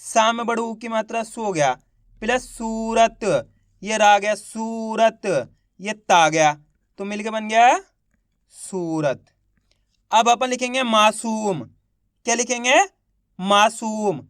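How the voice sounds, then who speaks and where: Slow, clear-voiced male reading teacher. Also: high voice, steady tone, a bit bright, no echo, studio quality. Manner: sounds out words syllable by syllable, asks and answers his own questions. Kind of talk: reading lesson for beginners.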